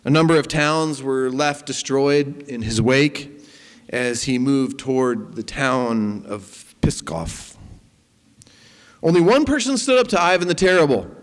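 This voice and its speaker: A man preaching a sermon and leading prayer, speaking deliberately with prayerful pauses. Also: medium pitch, long reverb tail. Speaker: pastor.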